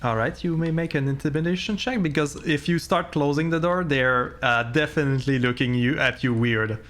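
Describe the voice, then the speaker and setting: A man improvising as game master of a tabletop roleplaying game, haltingly and repeating words as he goes. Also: fairly high pitch, fairly bright tone.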